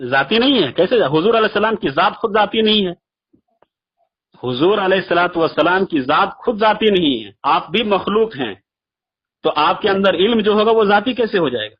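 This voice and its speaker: In a dull lo-fi phone call, a man speaks in a high, expressive, slightly rough voice at normal speed. Debating religion, he's insistent and argumentative, going back over his points again and again with formal religious terms.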